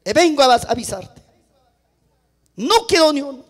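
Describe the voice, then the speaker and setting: A man preaching, voicing a panicked male servant who shouts bad news breathlessly. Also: very high-pitched, big pitch swings, moderate pace, full character voice. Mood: frantic shouting.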